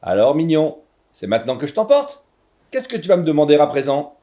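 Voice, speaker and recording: A man's voice: on the high side, very animated, fairly quick, warm tone. A man voicing a spiteful old female witch in a storybook reading, with a raised, shrieking, mocking delivery.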